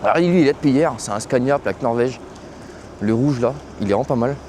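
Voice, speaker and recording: A man's voice: mid-range voice, a little fast. A young man from France vlogs on his phone at a cold, windy truck stop. He talks in loose, slangy French-style banter straight to his viewers. Faint traffic and outdoor noise run underneath. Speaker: truck driver vlogger. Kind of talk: casual vlog chat.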